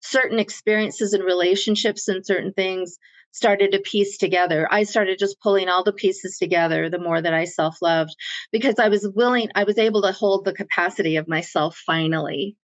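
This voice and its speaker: A woman's voice: mid-range voice, fairly even intonation, normal speed. A woman guest who works as a self-empowerment coach, explaining her ideas in an earnest, coaching way during an interview. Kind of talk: conversational interview.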